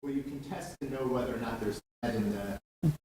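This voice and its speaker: A man's voice: mid-range voice, normal speed, darkish tone. A man speaking in a council meeting, reasoned and matter-of-fact. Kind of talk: debate in a meeting. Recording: echoey room.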